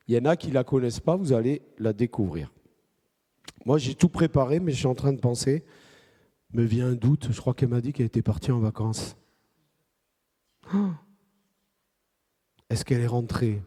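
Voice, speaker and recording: A man's voice: medium pitch, dark tone. A man preaching a playful children's sermon, chatting with the kids and playacting a phone call. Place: church hall. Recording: reverberant church hall.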